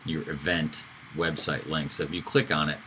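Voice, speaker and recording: A man giving a casual screen-recorded software tutorial, talking loosely with fillers and self-corrections. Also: extremely low pitch, flat delivery, normal speed, slight background noise, rough recording. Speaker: instructor.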